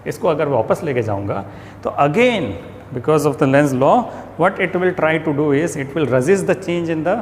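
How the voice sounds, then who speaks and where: A male physics teacher giving a lecture, explaining step by step and asking and answering his own questions, slowing down to read statements aloud with care. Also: a little high. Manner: switches to slow, careful reading of English statements. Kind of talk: classroom lecture. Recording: long reverb, faint ambient noise.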